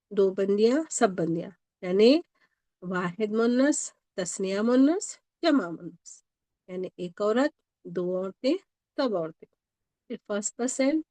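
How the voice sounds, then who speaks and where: A woman's voice: medium pitch, a little mellow, no room sound. A woman teacher giving a grammar lesson with a Pakistani Urdu accent, going over each point patiently and often stopping to check that students follow. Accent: Urdu-speaking Pakistani.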